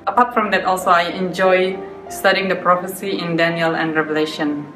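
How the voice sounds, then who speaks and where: A woman's voice: lowish voice, flat delivery, fairly quick, a bit bright, soft background music. A woman from Malaysia, speaking carefully in a personal testimony. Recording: roomy, distant recording.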